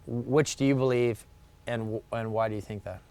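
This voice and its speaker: A man's voice: medium pitch, steady tone, moderate pace, warm tone. A man hosting a live show, reading viewer questions and teasing his guest in a casual way. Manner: joking, teasing.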